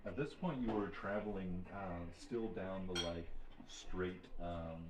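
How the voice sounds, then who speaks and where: A man narrating as game master, relaxed and rambling, with lots of fillers. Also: deep voice, unhurried, noisy background.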